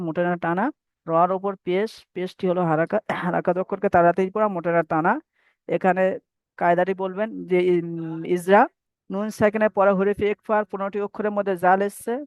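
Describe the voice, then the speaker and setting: A high-pitched man with a smooth voice leads an online tajweed class, going over Quran recitation rules with patient repetition while students repeat after him. A dull lo-fi microphone gives a dry recording without echo.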